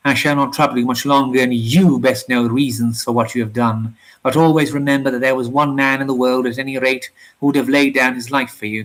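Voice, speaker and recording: A man's voice: mid-range voice, a bit bright, lightly acted, rough recording. A man voicing a heartbroken young man who pleads with emotion, in a storybook reading.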